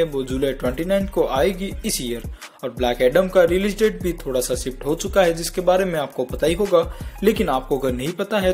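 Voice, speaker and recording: High-voiced chatty man, faint music. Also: a little mellow. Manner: chatty, jokey, talks straight to viewers. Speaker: entertainment news host. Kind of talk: casual news roundup.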